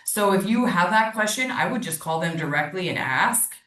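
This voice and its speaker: A woman's voice: on the low side, expressive, normal speed, fairly bright tone. Bubbly American woman, roomy distant sound. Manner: bubbly, says "like" a lot, laughs often. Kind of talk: casual group video call. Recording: roomy sound from far off the mic.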